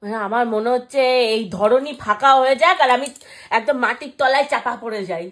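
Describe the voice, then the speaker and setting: A woman's voice: fairly high pitch, a little fast, fairly bright tone. A young woman, a mother, squabbling playfully and mock-indignantly with her little daughter on a home phone video. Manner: teasing, mock-indignant, bickering. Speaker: mother, family vlogger. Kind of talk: playful family squabble on camera.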